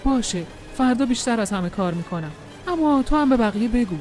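A woman reading the part of a young male soldier comrade who talks in a soft, earnest, pleading way. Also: on the high side, lively intonation, faint music behind, lightly acted. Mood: remorseful.

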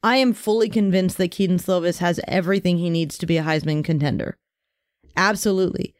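A woman's voice: on the low side, a little fast, dry recording, studio quality. A woman co-hosting a sports podcast in casual, enthusiastic chat, often restarting her sentences.

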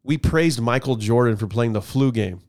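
Smooth-voiced blunt male co-host. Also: mid-range voice, animated, moderate pace, darkish tone. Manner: blunt, joking, offhand. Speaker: podcast co-host. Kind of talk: casual chat.

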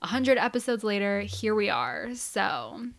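A woman's voice: medium pitch, very animated, unhurried, fairly bright tone. A woman hosting a casual podcast, chatty and enthusiastic, peppering her talk with filler "like". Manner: chatty, enthusiastic, heavy use of "like". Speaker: podcast host.

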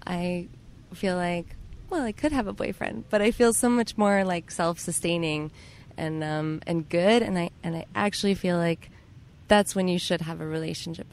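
A woman guest in a casual interview outdoors in a park, talking in a reflective, halting and agreeable way. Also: mid-range voice, a little mellow. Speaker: podcast guest, yoga teacher.

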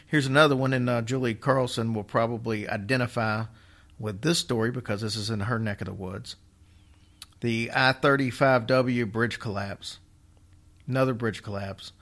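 A man's voice: medium pitch, steady tone, moderate pace, fairly bright tone. A man hosting a casual storytelling show, wry and joking, with a slight slur and the odd whistle or lip smack from a half-numb mouth. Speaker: podcast host.

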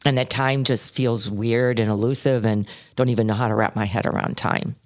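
Low-voiced woman in her sixties. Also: moderate pace, dry recording, studio quality. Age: 60s. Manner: expressive storyteller, swings between low and high pitch. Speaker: podcast co-host. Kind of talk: casual chat.

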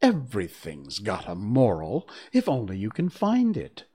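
A man's voice: fairly low pitch, wildly swooping pitch, measured pace, warm tone, slightly rough, full character voice. A man reading aloud and voicing an ugly old duchess who keeps drawing morals from everything, in a preachy, pompous manner, raised above his own voice. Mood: coaxing.

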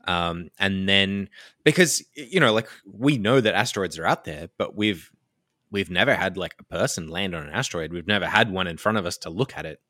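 A man chatting casually on a podcast, explaining things with lots of fillers like "like" and "um," often laughing and picking up energy when excited. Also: low-pitched, brisk, no echo, studio quality. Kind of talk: casual chat.

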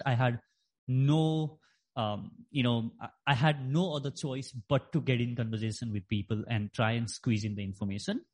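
Man from Nepal, 30s, podcast guest; hesitant, filler-heavy, mid-pitched. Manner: hesitant, many fillers and restarts. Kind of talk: reflective interview talk.

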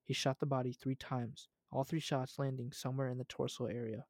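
Young guy reading an old story out loud, casual, dry close sound. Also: medium pitch, level tone, brisk, dry recording. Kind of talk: reading a childhood story aloud.

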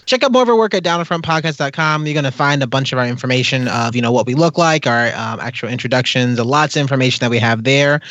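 Male podcast host, mid-pitched, chatty, on a dull dry recording. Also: fast, few pauses, a bit bright, dry recording. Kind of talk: casual podcast chat.

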